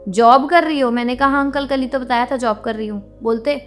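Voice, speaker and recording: Young woman vlogger, higher voice, outspoken and indignant rant, faint music underneath. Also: fairly even intonation, fairly quick. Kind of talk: venting monologue to camera.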